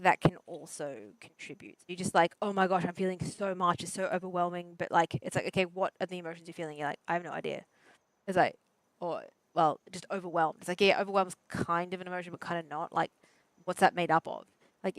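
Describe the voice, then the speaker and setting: A woman's voice: lowish voice, fairly bright tone, dry recording. A woman therapist chatting casually while gaming, rambling with lots of fillers and self-corrections.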